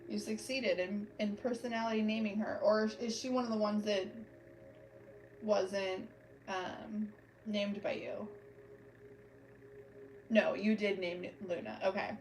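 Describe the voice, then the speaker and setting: A woman livestreams from home while doing a manicure, chatting with her viewers and narrating every step. Her voice is medium-pitched, steady and darkish, at a measured pace with long pauses. She sits a little off and far from the mic, and the rough recording carries a faint hum of room noise.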